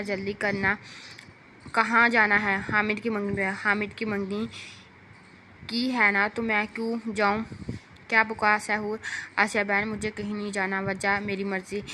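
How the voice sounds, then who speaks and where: A woman's voice: mid-range voice, bright, forceful tone, a little hiss or hum. A woman reading a light comic novel aloud as narrator, voicing every character herself.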